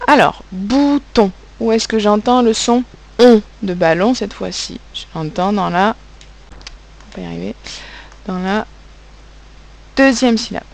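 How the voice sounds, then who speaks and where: A woman's voice: mid-range voice, a little slow, vocal fry, pauses often, a little mellow. A woman teaching young children spelling and handwriting, speaking patiently and spelling out letters and sounds, with a French accent.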